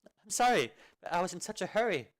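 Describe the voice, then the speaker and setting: A man voicing a flustered young female soldier who stammers in a high, anxious voice. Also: very animated, brisk. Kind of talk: amateur video game fan dub.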